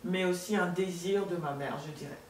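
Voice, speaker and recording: A woman's voice: on the low side, moderate pace. Earnest woman sharing her story, roomy distant sound. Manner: hesitant, many restarts and fillers, earnest. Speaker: guest. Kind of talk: personal testimony in an interview. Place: studio set with sofa, indoors. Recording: roomy, distant, faint room noise.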